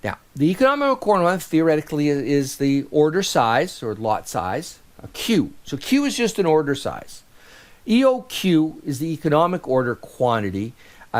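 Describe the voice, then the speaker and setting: A male instructor gives a recorded lecture in a conversational way, often restarting or correcting himself. His voice is medium in pitch.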